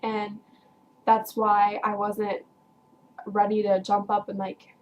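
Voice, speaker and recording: A teenage girl vlogger tells her viewers a long story casually, chatty and rambling, leaning heavily on "like" and "um" and frequently breaking into laughs. Her mid-range voice has a completely flat delivery at a slow pace, in lo-fi audio with a little hiss or hum.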